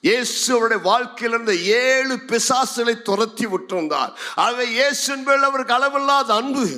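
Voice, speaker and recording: A male pastor with a Tamil Nadu accent preaches a sermon in a large church hall. He acts out the dialogue from scripture and rises at times to shouts. His voice sits high for a man.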